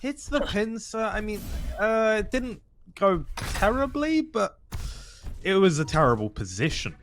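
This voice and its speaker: A man's voice: sits high, very animated, unhurried, a bit bright, faint music behind. A man co-commentating on a live esports match in short reactive calls and analysis.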